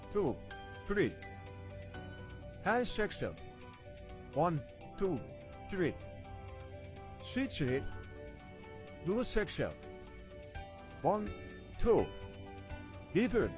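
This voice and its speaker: A man's voice: high voice, big pitch swings, drawn-out words, pauses often, over music. A man instructing taekwondo, giving short, clipped commands and counts for kicking drills.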